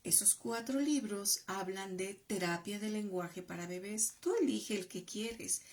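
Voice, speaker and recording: A middle-aged woman giving parenting advice in a slow, emphatic way. She repeats phrases and drops to a whisper to stress a point. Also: mid-range voice, darkish tone. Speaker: parenting educator and channel host. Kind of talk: parenting advice talk to the camera.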